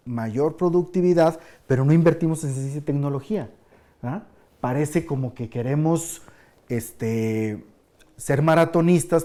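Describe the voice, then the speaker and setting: A man hosting a studio panel, animated and questioning, with frequent fillers. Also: fairly high pitch. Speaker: talk show host.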